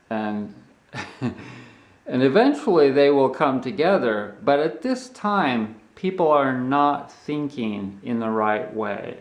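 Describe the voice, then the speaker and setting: A man speaks slowly in a gravelly voice with plenty of fry, chewing as he goes. He delivers a casual, opinionated monologue at a middling pitch. His manner is blunt and preachy, with deliberate pauses between phrases. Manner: chewing food while talking. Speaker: health vlogger.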